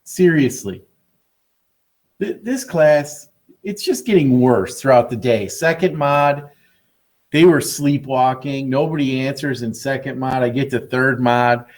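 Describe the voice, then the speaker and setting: A man's voice: medium pitch, a little slow. A male biology teacher teaching an online class by video call, teasing and sarcastic with his students.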